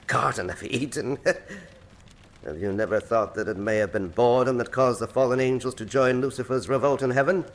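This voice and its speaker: Moriarty, a grandly theatrical criminal mastermind. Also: male voice, medium pitch. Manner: pompous, theatrical, eloquent, deliberate monologuing. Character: suave, grandiose male criminal mastermind professor, coolly menacing. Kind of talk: radio drama acting.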